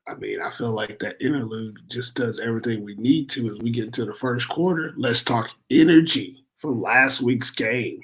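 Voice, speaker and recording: A man hosting a sports podcast, hoarse and straining because he has lost his voice. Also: medium pitch, normal speed, hardly any pauses, fairly bright tone, faint music behind, poor audio. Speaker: podcast host.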